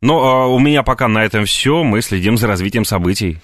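A man giving a live news report as a radio correspondent, halting with frequent filled pauses. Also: lowish voice, expressive, a bit bright, no echo, clean studio sound.

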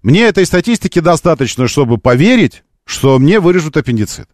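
A man's voice: on the high side, sing-song, brisk, no room sound, studio quality. A man hosting a live call-in radio show, arguing insistently and repeating phrases for emphasis. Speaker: radio talk show host.

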